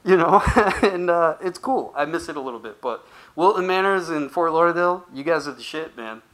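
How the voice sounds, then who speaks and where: A man's voice: fairly high pitch, expressive, fairly quick, a crowd in the background, low-quality recording. A man from Rhode Island, a guest DJ, talking casually and swearing freely, with music behind him. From Providence, Rhode Island. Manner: laid-back, swears freely, laughs often. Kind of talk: casual chat interview.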